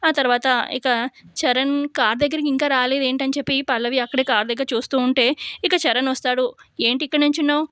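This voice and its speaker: A woman's voice: high voice, level tone, fairly quick, a bit bright, clear, resonant tone, no room sound. A woman chattily retelling a TV serial episode scene by scene, full of linking fillers.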